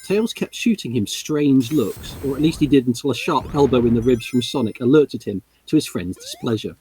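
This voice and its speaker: A man narrating a storybook on a casual livestream read-along, amused and lively. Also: medium pitch, moderate pace, a little hiss or hum, low-quality recording. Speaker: livestream reader.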